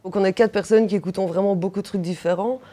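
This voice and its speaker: Woman in her thirties, mellow tone. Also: mid-range voice, steady tone, fast. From Belgium. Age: 30s. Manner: blunt and crude, joking, with fillers. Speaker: punk band singer. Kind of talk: casual interview answers.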